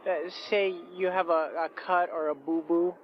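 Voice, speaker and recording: A man's voice: fairly high pitch, little pitch movement, moderate pace, over a noisy crowd, natural voice. An actor playing an awkward, nerdy male healer superhero who speaks hesitantly, with many "uh"s in a recorded interview. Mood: halting. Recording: dull tape with faint hiss.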